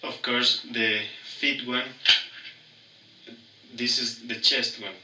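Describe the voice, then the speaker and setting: A man giving an instructional demonstration, explaining step by step in a halting way with repeated words. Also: medium pitch, flat delivery, sharp tone. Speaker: instructor demonstrating body percussion sounds. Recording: echoey room.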